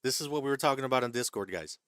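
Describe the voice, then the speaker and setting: A man's voice: mid-range voice, animated, racing, fairly bright tone, clear, resonant tone, no echo. Male livestream host, mid-range voice, dry close mic, hedging conversational explainer. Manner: hedging, repeats himself, checks in with "right?" and "okay?"; reads viewer chat aloud and answers it. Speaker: stock trading livestream host. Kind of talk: live-stream Q&A, explaining market rules.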